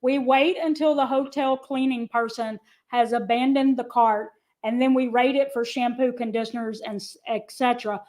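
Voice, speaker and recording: A woman's voice: on the high side, steady tone, normal speed, few pauses, a little mellow, low-quality recording. Chatty woman co-hosting a livestream. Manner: chatty, laughs often, reads comments aloud. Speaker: livestream co-host. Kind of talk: casual chat.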